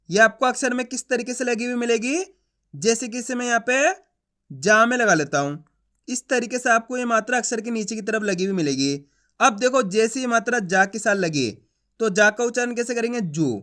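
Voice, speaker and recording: A man with a high voice runs a beginner's reading lesson for online viewers. His tone is bright and forceful. He stretches each syllable slowly and keeps checking whether the viewer has understood. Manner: drills sounds slowly, repeats questions to the viewer. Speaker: Hindi reading teacher. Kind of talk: online lesson, teaching aloud.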